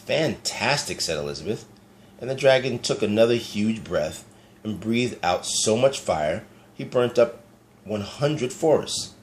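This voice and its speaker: Low-voiced man reading a picture book. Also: animated, a little hiss or hum. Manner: gentle, chatty, pauses to point out pictures. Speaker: storyteller.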